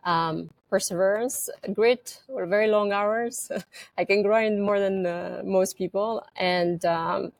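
A woman's voice: mid-range voice, steady tone, slow pace, gravelly, no room sound. A woman from Romania with a Romanian accent, a company co-founder speaking as an interview guest in a thoughtful, hesitant way, with many fillers and restarts. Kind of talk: conversational interview.

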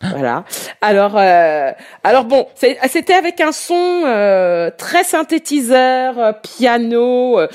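A woman's voice: a little high, sing-song, slow, darkish tone. A woman presenting a music column on the radio in casual chat, hesitant with many fillers and restarts, often laughing as she talks. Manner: laughs easily while talking. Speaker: radio columnist presenting new German rock.

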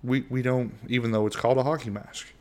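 With a mid-range voice and a quick pace, a middle-aged American hosts a casual podcast on his own. He rambles monotonously, filling the talk with fillers and restarts.

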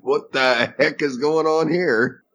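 A man's voice: a little high, slow, a bit bright, a little hiss or hum. A man co-hosting a podcast, recapping a TV episode in easygoing casual chat and laughing along often. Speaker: podcast co-host.

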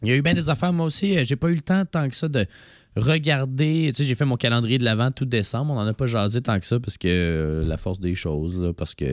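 A man with a Quebec French accent and a hoarse, raspy smoker's voice from laryngitis, co-hosting an informal, hesitant cinema chat. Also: medium pitch, brisk, no echo, studio quality. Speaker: radio show co-host. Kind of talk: casual chat about cinema.

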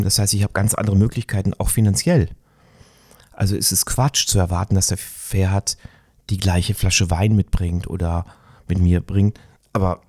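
A middle-aged man speaks in a reflective, searching way, often pausing on fillers as he thinks aloud. His voice sits a little low and sounds mellow. The recording is dry and close. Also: no echo. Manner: thoughtful, searching, with many fillers. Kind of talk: reflective conversation.

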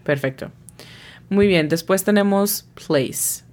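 In a scripted English lesson, a woman with a medium-pitched, darkish voice speaks slowly, patiently spelling out each word's pronunciation letter by letter.

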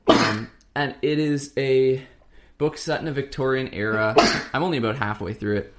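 A young male podcast co-host talks at a moderate pace in a medium-pitched voice. His casual chat drifts and rambles, broken at times by fake-ad style delivery.

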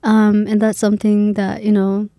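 A woman's voice: mid-range voice, monotone, moderate pace, dark tone, no room sound, studio quality. A woman in her twenties from Kenya, a graduate student talking in a casual interview, hesitant with many fillers and restarts.

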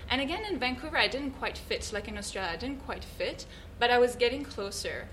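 A woman's voice: on the high side, expressive, a little fast, a bit bright, a little hiss or hum, low-quality recording. A woman, a guest on an interview show, earnestly reflecting on her life and now and then searching for words. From Switzerland. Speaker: guest, yoga teacher. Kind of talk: reflective personal storytelling.

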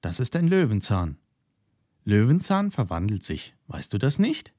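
Storybook girl, caring and gentle, voiced lightly by a male narrator, slow and soft. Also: lowish voice, big pitch swings, no echo, clean studio sound. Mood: reassuring. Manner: gentle, soothing. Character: kind caring young girl.

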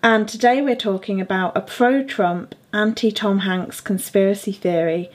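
The podcast host, a young adult woman, has a medium-pitched, steady voice at a moderate pace. She talks casually with lots of fillers and laughs frequently.

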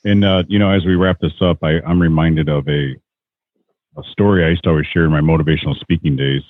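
A man's voice: a bass voice, fairly even intonation, fast, no echo. A man hosting a podcast, telling a story and exhorting listeners in an earnest, motivational way over a call. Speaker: podcast host. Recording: tinny phone-like call audio.

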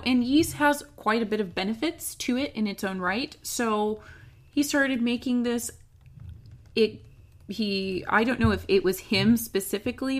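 A chatty woman co-hosting a relaxed podcast conversation, laughing easily between points. She talks at an everyday middle pitch and explains things in a loose, conversational way. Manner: laughs often, chatty and joking; explains food history from notes. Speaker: podcast co-host. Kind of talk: casual chat.

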